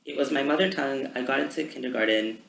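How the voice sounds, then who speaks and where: A young Canadian man, a student, chats casually about language at length, relaxed and using many ums. He talks fast in a medium-pitched, creaky voice. The recording is roomy with faint background noise.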